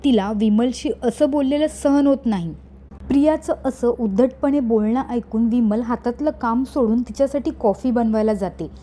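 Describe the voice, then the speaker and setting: A woman tells a serial's story in a steady, scripted recap. Her voice is a little high and mellow, with a warm, relaxed tone. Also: moderate pace. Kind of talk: scripted narration.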